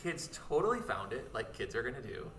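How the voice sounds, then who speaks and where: Bright-voiced man, distant and roomy. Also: medium pitch, sing-song, fairly quick, a little hiss or hum. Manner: enthusiastic recounting. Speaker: educator, podcast guest. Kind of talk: casual chat, storytelling. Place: conference venue. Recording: roomy, distant mic with background ambience.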